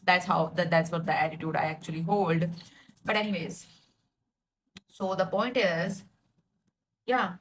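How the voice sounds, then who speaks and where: This vlogger in her 20s speaks in a lowish voice with a steady tone and measured pace, pausing often over a little hiss or hum. Her talk is a loose, casual rant to followers, full of fillers and likes, and she laughs at herself a lot in a chatty way.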